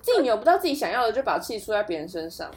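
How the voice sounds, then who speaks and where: A woman chatting casually, animated and quick to laugh, with dramatic reactions. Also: medium pitch. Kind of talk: casual chat.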